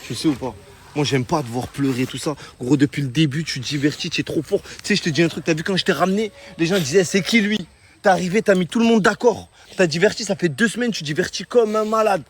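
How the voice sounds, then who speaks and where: A man's voice: on the high side, quick pace, a little hiss or hum. A man who organizes the challenges, talking casually and reassuringly with street slang. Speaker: show organizer running challenges. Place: outdoors on an island.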